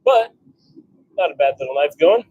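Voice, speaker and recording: Here the knife-making streamer's pitch is fairly high and swoops wildly, his tone darkish and husky, and he keeps a moderate pace. He mutters wry, casual comments to his audience and himself while working in a blacksmith workshop with a forge. The sound is dry and lo-fi.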